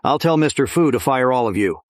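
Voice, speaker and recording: A man's voice: mid-range voice, expressive, a little fast, no room sound, close to an everyday voice. A man dubbing a bossy, status-obsessed middle-aged father, recorded dry in a studio. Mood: blustering. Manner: blustering, bossy. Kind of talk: English drama dub.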